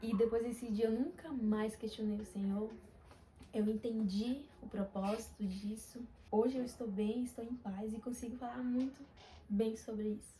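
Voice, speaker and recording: A woman's voice: on the high side, dark tone, a little hiss or hum, low-quality recording. A young woman from Brazil, vlogging and earnestly sharing a personal religious testimony with her viewers.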